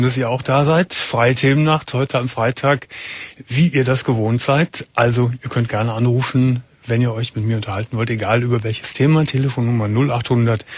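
A man with a husky, mid-pitched voice hosts a late-night call-in talk show. He is inquisitive and ready to step in. The broadcast sound is slightly muffled. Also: dry recording. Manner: probing, interrupting with questions. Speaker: radio talk show host.

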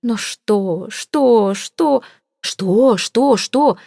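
A woman's voice: fairly high pitch, drawn-out words, gravelly, dark tone, no echo, clean studio sound, voice pushed up, exaggerated voice. A woman voicing a flustered, hesitant middle-aged mother. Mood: bewildered. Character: anxious middle-aged mother, Mrs Flip.

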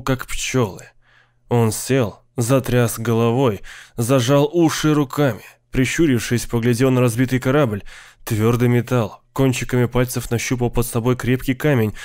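A man's voice: medium pitch, fairly even intonation, a little slow, a little mellow, dry recording, clean studio sound. A man narrating an audiobook, reading dramatically and acting out a character's frightened cries. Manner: acts out the character's cries with rising intensity.

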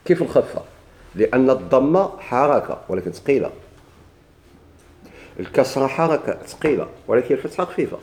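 A man with a Moroccan accent gives a grammar lesson in a dark, mellow voice. He poses a question, answers it himself, then drives the point home by repeating it. His pitch sits in an ordinary middle range. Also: very animated, a little fast, pauses often. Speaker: teacher.

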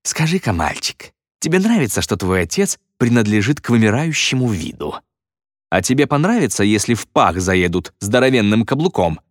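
A man's voice: lowish voice, big pitch swings, moderate pace, dry recording, studio quality. A man voicing a vain, boastful male stage magician who gloats and sneers theatrically. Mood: gloating.

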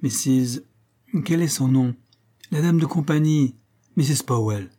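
A man reading as an effusive tipsy young gentleman. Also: medium pitch, a little slow, voice pushed up, lightly acted. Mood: pleading.

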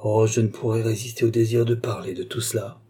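A man's voice: on the low side, little pitch movement, fairly quick, dark tone, slightly rough. A man voicing a proud cardinal in an audiobook, speaking haughtily and often in a murmur. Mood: haughty. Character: proud, wondering older male cardinal.

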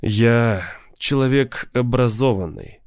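A man's voice: medium pitch, normal speed, darkish tone, no room sound, studio quality, close to an everyday voice. A man voicing a beaten, educated schoolteacher who speaks pedantically and chooses his words with care. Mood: careful. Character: educated middle-aged male schoolteacher, beaten, indignant.

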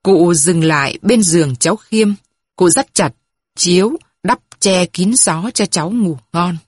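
Slow, low-voiced woman narrating a story. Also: slightly rough, no room sound, studio quality. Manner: slow, measured and even reading.

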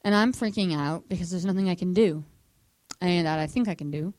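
A woman telling a personal testimony at a missions training school in a casual, animated way, acting out quotes in hushed whispers and high squeaks. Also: a little fast, dry recording.

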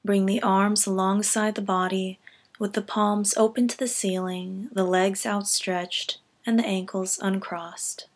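With a medium-pitched voice, a woman reads from a script for a guided body scan meditation. Her delivery is calm, gentle and measured, and she softens the ends of her phrases.

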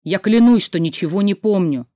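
A woman reading an audiobook voices the heroine's brother, a young man pleading in a quiet, guilty voice. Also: mid-range voice, moderate pace, dry recording, clean studio sound, close to an everyday voice.

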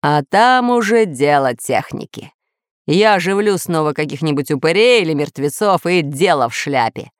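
Brief: bossy storybook villain lord, low and slow, read by a woman, dry close sound. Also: animated, no room sound. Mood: scheming. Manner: gruff, blustering, shouting threats. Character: menacing male villain island ruler, bossy.

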